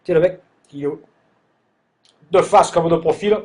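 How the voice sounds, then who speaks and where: A man's voice: fairly high pitch, normal speed, a little mellow. A man with a Marseille accent tells a humorous anecdote, stammering over repeated words and using coarse slang in a mocking, exasperated tone. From southern France. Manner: stammering word repetitions, coarse slang, addresses listener as tu. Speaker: comic storyteller.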